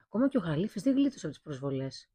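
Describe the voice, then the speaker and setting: Mellow, husky woman reading a fairy tale. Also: on the low side, dry recording. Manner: steady reading aloud. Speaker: storyteller.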